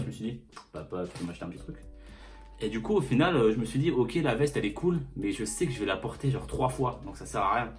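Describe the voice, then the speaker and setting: Young man vlogging, crude and joking. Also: medium pitch. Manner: crude, joking, rambling with fillers. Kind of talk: casual storytime and clothing haul. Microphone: phone camera.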